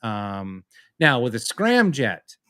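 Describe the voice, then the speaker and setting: Dude reading out tech notes on a podcast, swears a bit, dry close sound. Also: male voice, medium pitch, big pitch swings, slow pace, pushed and bright, dry recording. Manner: explains from notes, swears casually. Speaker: podcast co-host. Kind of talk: casual explanation on a podcast.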